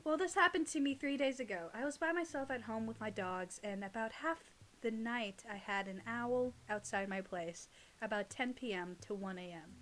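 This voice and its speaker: This woman's voice sits on the high side and is a bit bright, with a moderate pace and slight background noise. As a host and reader of online horror stories, she trades playful, teasing banter with her co-host during a casual reading.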